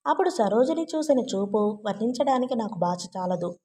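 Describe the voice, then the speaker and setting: A woman narrating a novel as an audiobook reader, in measured, literary narration. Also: a little high, lively intonation, warm tone. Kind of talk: novel reading.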